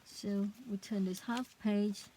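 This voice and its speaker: A woman's voice: mid-range voice, fairly even intonation, slow, warm tone, a little hiss or hum, poor audio. A middle-aged woman, a craft vlogger, chatting casually as she shows a handmade book, often hesitant and searching for words.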